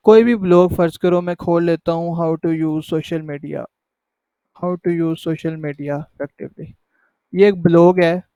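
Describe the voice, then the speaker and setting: Male tutor, high and mellow, dry close sound, chatty walkthrough. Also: no room sound. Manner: conversational, repeats "ठीक है" to check in. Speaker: tutorial host. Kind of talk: casual screen-recorded tutorial.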